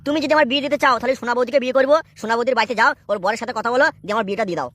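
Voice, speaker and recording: A man voicing a stubborn young man in a comic cartoon, defiant and insistent, in a pitched-up voice. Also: racing, sharp tone, no echo, full character voice. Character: stubborn young man obsessed with a neighbor's wife.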